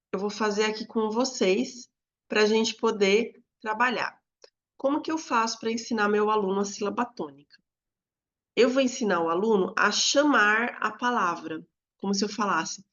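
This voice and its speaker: This recorded lesson features a calm female teacher with a Brazilian Portuguese accent and a mid-range voice. She elongates words in a sing-song manner to demonstrate stress, with the highs cut off in the audio.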